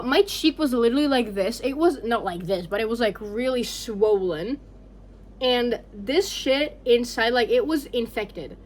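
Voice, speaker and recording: Young female vlogger, fairly high voice, unfiltered rambling chat with plenty of swearing. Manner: candid, sweary, rambling with frequent "like". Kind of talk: casual chatty storytime while getting ready.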